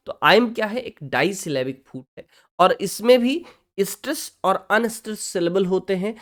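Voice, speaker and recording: A teacher giving an online lecture who keeps stopping for short check-ins and reads out English terms slowly, syllable by syllable. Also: mid-range voice. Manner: checks in often with short confirming asides.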